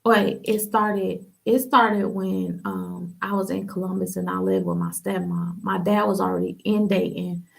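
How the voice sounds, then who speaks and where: A woman's voice: medium pitch, animated, unhurried, creaky, few pauses. A young woman from Ohio telling her personal testimony in a candid, casual way, full of slang and fillers.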